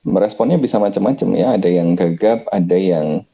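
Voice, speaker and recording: A man talking in a casual podcast discussion, thinking aloud with many pauses and filler sounds, with an Indonesian accent. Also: low-pitched, lo-fi sound. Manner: thoughtful, many hesitations.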